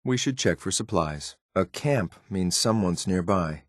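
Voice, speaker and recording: Voicing a video game companion, a low-pitched male synth soldier delivers clipped, matter-of-fact military phrases, stern and dutiful, with disdain for whatever he deems beneath him. The close, dry recording has no room sound, and his animated, slightly slow delivery feels watchful and tactical.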